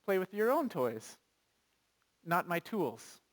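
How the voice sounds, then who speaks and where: A male pastor with a high voice preaches slowly but with animation, keeping a conversational tone. He reads scripture aloud and asks the congregation questions.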